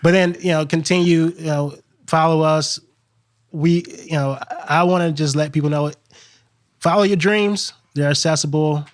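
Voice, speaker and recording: A man's voice: on the high side, moderate pace, no room sound. Dry-voiced easygoing man from Texas. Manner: relaxed, earnest, repeats himself. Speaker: guest, restaurant co-owner. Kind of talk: casual podcast chat.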